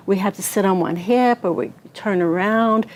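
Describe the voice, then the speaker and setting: Woman, health talk to an audience, conversational, mid pitch, faint background noise. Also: normal speed. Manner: conversational, asks the audience questions. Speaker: pelvic floor therapist. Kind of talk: health talk with anatomical model.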